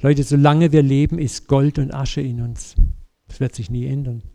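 A man preaching a sermon, telling a story with lively, vivid asides and speaking directly to his congregation. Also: medium pitch, normal speed.

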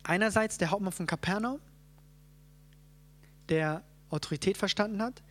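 With a mid-range voice, a Bible teacher explains a passage in plain, unhurried teaching talk. Thinking aloud, the speaker uses frequent fillers and restarts and keeps checking in with the group by asking "ja?".

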